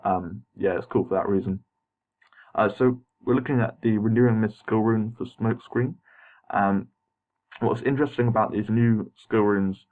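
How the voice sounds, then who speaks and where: A young man with braces slightly muddying his words, giving hesitant, apologetic, casual gaming commentary as an unscripted voice-over. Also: lowish voice. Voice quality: slightly muffled articulation from wearing braces. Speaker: gameplay video narrator. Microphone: voice-over recorded over game footage. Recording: muffled phone-like home voice-over.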